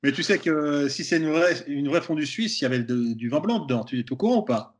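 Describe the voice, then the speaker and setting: A Swiss comedian with a Swiss French accent chats casually as a podcast guest, sounding hesitant and often repeating words. He speaks quickly in a voice on the high side.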